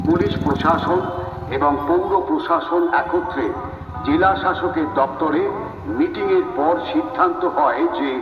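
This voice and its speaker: Male public announcer, West Bengal Bengali accent, formal megaphone delivery, distant with long reverb. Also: on the high side. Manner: loud, deliberate public-address delivery, as through a megaphone. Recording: muffled, distant loudspeaker with echoing reverb.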